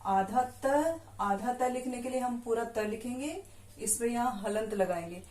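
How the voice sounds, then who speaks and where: A woman teaching young children in a classroom lesson. Her voice sits a little high, and she speaks very slowly, stretching out syllables and asking questions as she goes. The room gives her voice a clear echo. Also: a little mellow. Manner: patient, stretches out syllables and quizzes the listener. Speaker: primary school teacher.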